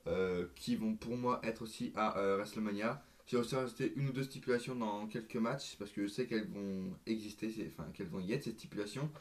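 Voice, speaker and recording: A man with a hoarse, nearly gone voice, chatting eagerly and hesitantly in a casual predictions vlog, with many fillers. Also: on the low side. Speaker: wrestling fan vlogger.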